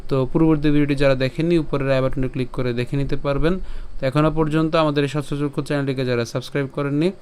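A man teaching the pronunciation of a scripture verse, breaking it into syllables, asking and answering his own questions, and chanting the lines slowly. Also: mid-range voice, fairly even intonation, darkish tone, slight background noise. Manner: slow, drawn-out chanting of verse syllables between explanations. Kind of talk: step-by-step recitation lesson.

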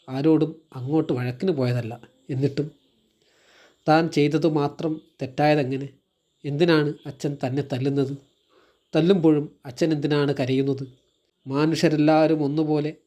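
A man reading a school textbook story aloud in measured, expressive storybook narration. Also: medium pitch.

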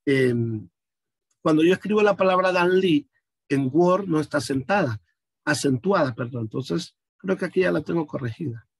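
A man from Honduras teaches an online class, explaining step by step and checking in with his students. His voice is fairly high and husky. The sound is dry and close, as if from a video call. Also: animated, normal speed, dry recording. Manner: patient, explanatory, addresses students directly.

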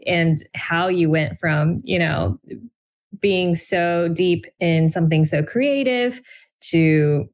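A woman's voice: lowish voice, expressive, slow, muffled recording. A woman hosting an interview over a video call from a room at home, asking questions in a friendly, hesitant way with many fillers. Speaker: interview host. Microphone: video call webcam.

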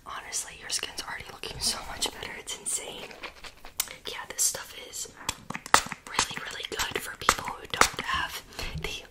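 A young woman in a whispered role-play as a sassy, condescending mean girl, talking close up in a fast, chaotic way and repeating words in rapid strings. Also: low-quality recording. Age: young adult. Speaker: ASMR performer. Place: small room indoors.

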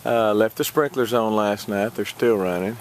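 A Texan vlogger rambles through a casual outdoor tour of his garden, hesitant and full of fillers and little chuckles. His voice is on the low side at a moderate pace, recorded on a handheld camera with slight background noise.

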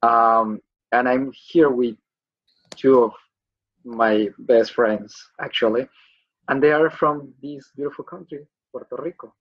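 A man, hosting a casual music chat over a video call, warm and thankful, restarting his words often. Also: medium pitch, steady tone, measured pace, slightly rough, dull audio. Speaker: host, musician. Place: outdoor patio.

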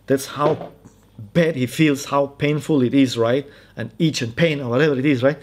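A man preaching in a casual, conversational style with a Malaysian English accent, emphatic and animated. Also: medium pitch, normal speed. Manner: animated, emphatic, acts out quoted voices. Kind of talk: conversational sermon.

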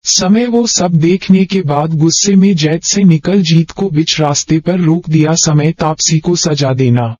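A man with a slightly high voice reads an audiobook steadily. The sound is dry with no room, and muffled in the top end. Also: no echo. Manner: steady storytelling read. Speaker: audiobook narrator. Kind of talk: scripted narration.

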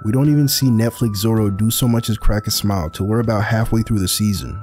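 A man's voice: on the low side, fast talker, a little mellow, faint music behind. Dry, sarcastic young man narrating. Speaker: video essayist. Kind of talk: scripted video essay narration.

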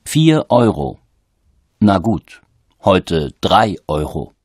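A man reading vocabulary aloud with clear pronunciation in a studio course recording. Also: low voice, very animated, drawn-out words, darkish tone, no echo. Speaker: vocabulary reader. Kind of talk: scripted reading.

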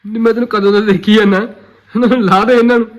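Young male, Punjabi accent, high-pitched and rapid, insistent, repetitive, informal chat between friends. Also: fairly even intonation. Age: young adult. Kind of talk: casual chat, questioning a friend.

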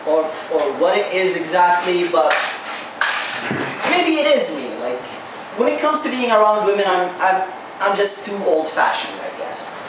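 At an open mic in a small bar, a young Saudi stand-up comedian delivers a high-pitched, very animated set full of halting restarts and drawn-out pauses. He speaks into a handheld mic, though a far camera does the recording, picking up the echoey bar and its noise.

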